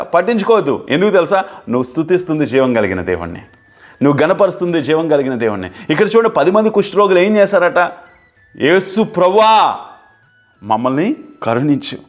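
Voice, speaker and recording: A man preaching a fervent sermon as pastor, building emphasis through repeated phrases. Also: on the high side. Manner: fervent, repetitive preaching, rising and falling emphasis.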